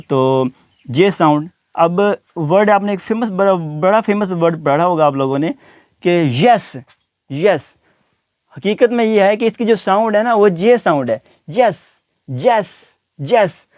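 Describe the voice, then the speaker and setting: A man teaching English pronunciation, saying each example word slowly and repeating it several times. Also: on the high side, a little mellow, clear, resonant tone, dry recording, studio quality. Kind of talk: explaining pronunciation to learners.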